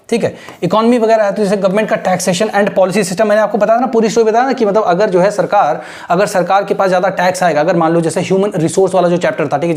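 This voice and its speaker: A high-pitched, darkish-toned male teacher talks fast as he prepares exam aspirants in English. His lecture blends Hindi and English, moving step by step with constant "right?" check-ins.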